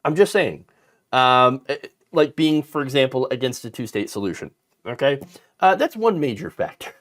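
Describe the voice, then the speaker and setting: A man hosting casual political commentary, sarcastic and animated, mocking politicians with put-on quotes. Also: medium pitch, moderate pace.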